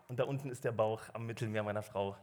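A man's voice: lowish voice, fairly even intonation, quick pace, a little mellow. A man in his thirties hosting a church service in a club venue, joking with the crowd and telling them to stand, clap and stamp. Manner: upbeat, joking, directing the crowd. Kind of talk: lively church welcome and crowd warm-up.

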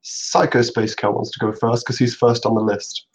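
Gravelly-voiced man with a cold. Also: medium pitch, little pitch movement, normal speed. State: has a cold. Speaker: podcast co-host. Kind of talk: casual podcast chat.

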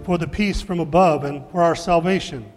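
Solemn pastor, long cathedral echo. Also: male voice, a little high, loud music behind the voice. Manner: solemn, formal, measured phrasing. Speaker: pastor leading a church service. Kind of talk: liturgical prayer recitation. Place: large reverberant church.

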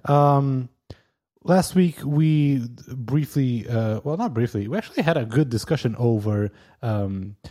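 A mellow-voiced man whose first language is Portuguese co-hosts a casual podcast chat, speaking haltingly with many fillers and frequent chuckles. His voice is mid-range and expressive.

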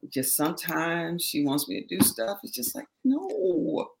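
A middle-aged woman, a singer, chatting as an interview guest, telling animated stories and acting out quotes with laughter. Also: low voice, normal speed, vocal fry. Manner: animated storyteller, laughs often, acts out quotes. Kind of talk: casual interview chat.

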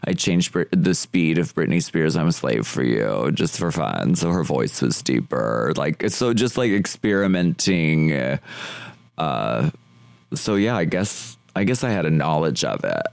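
A man's voice: extremely low pitch, sing-song, unhurried, vocal fry, dry recording. A man being interviewed as a drag performer, chatting casually and rambling with lots of "like" fillers.

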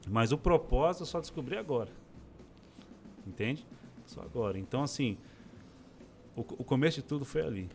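Expressive man telling his story. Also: medium pitch, normal speed, long pauses, soft background music. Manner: expressive storyteller, acts out quoted voices. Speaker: interview guest. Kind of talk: casual chat, personal testimony.

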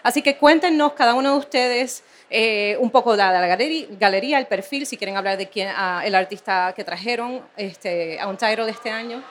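A woman moderating a live panel in a relaxed, chatty way, with many fillers and restarts. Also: fairly high pitch, a little fast, hardly any pauses. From Puerto Rico. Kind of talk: casual conversational moderating. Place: live panel at an art fair.

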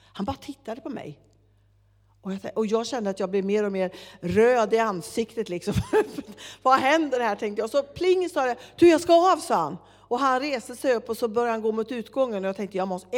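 A woman preaching a sermon, telling a story with lively acted-out dialogue. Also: fairly high pitch. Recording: long hall reverb.

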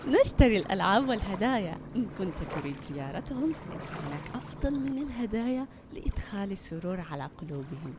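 Protective mother, reassuring, natural pitch; the narrator reads her. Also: very animated, fast, background noise, natural voice. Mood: tender. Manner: warm and reassuring. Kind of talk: children's audio story.

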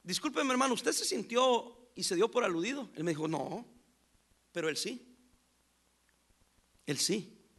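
A man preaching a sermon as pastor, telling stories with acted-out dialogue and loud emphatic bursts. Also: sits high, lively intonation, a little slow, pauses often.

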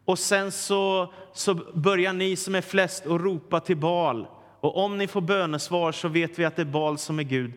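A fearless prophet calling out a crowd, as a man preaching puts him on. His voice rises high and commanding. Long reverb from a big hall trails every line. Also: lightly acted. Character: bold male prophet challenging a crowd.

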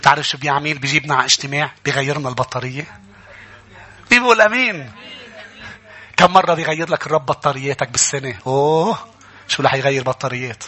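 Fast, forceful Lebanese preacher man. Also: mid-range voice. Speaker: pastor. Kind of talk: sermon. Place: church before a congregation.

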